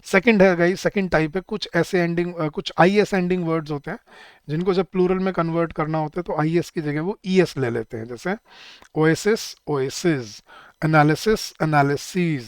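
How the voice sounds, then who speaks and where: A man's voice: on the high side, moderate pace, clean tone, dry recording, studio quality. A man teaching an exam-prep grammar lesson, listing word pairs and quizzing his students. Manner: lists word pairs, quizzes students, calls them guys. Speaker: English teacher.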